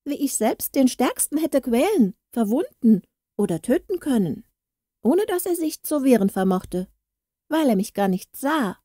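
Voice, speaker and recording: A woman voicing a small, proud male dwarf who grumbles and lectures, read slowly in a storybook. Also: high-pitched, very animated, dark tone, no room sound, clean studio sound, heavily acted. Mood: grumbling.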